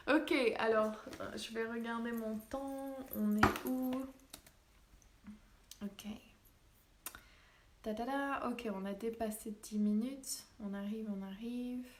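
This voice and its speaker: A woman with a Québécois accent, a spiritual healer hosting a live stream in soft, gently enthusiastic casual chat. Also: a little high, steady tone, slight background noise. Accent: Québécois French. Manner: soft, unhurried, gently enthusiastic with frequent laughs.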